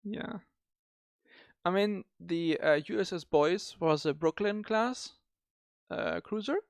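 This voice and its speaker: A man's voice: sits high, slow, gravelly, no echo. A man hosting a casual gaming discussion, often breaking off and restarting his words. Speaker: podcast host.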